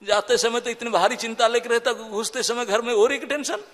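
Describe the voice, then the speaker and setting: A monk preacher telling a devotional story in a sermon, animated and exclaiming. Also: male voice, extremely high pitch, fairly quick, long reverb tail. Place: temple hall.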